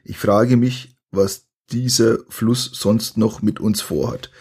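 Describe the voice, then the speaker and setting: A man voicing an anxious young boy companion in a spoken adventure story, shouting in alarm and fretting. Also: lowish voice, steady tone, takes it slowly, husky. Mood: fretful. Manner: shouting in alarm, then fretful.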